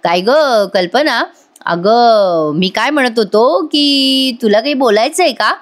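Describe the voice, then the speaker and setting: A sly middle-aged husband who likes to tease his wife, voiced by a woman reading his lines aloud. The delivery stays close to a plain retelling, with a fairly high voice. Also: measured pace, natural voice. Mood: teasing.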